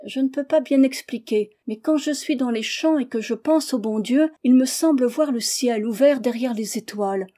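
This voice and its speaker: A woman's voice: on the high side, moderate pace, few pauses, warm tone, natural voice. A woman voicing a naive sixteen-year-old peasant girl in a storybook reading, eager and earnest. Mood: dreamy. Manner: eager, wide-eyed and earnest.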